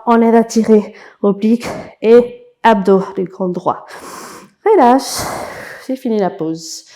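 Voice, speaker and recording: A woman leading an abs workout class, counting repetitions and giving short, brisk, encouraging cues. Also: a little high, a little mellow. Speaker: fitness coach. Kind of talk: guided workout instruction.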